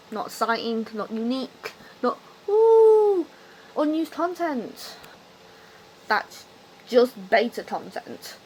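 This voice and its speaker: A woman's voice: medium pitch, slight background noise, low-quality recording. A drunk woman on a rambling, unscripted rant about her hobby, loose-tongued, opinionated and emphatic in an exasperated way. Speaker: video game commentator.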